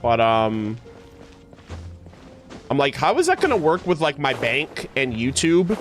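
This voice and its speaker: A male video game streamer with a mid-range voice chats casually at a measured pace, his pitch swinging widely. He reminisces and answers viewers in a rambling, conversational way, dropping "like" often, with music playing in the background.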